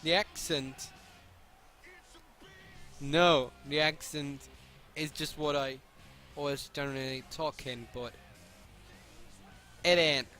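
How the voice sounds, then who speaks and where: A man's voice: on the high side, takes it slowly, long pauses, faint music behind. A man from continental Europe outside the British Isles, commenting on a game while joking, swearing and answering chat in a live stream. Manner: excitable, joking, swearing freely.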